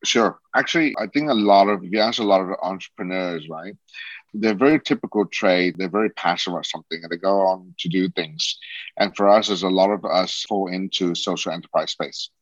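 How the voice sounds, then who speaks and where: A man's voice: deep voice, a little fast, dry recording. A man, talking casually as an interview guest in a rambling way with many restarts. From Australia. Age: 40s. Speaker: guest, social entrepreneur. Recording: dull lo-fi sound.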